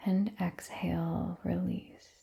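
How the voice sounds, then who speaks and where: This guided meditation comes from a woman whose voice is on the low side, near-whispered and breathy, with a dark, mellow tone. She moves very slowly and calmingly, letting long silences fall between phrases, and keeps her intonation soft and mostly flat.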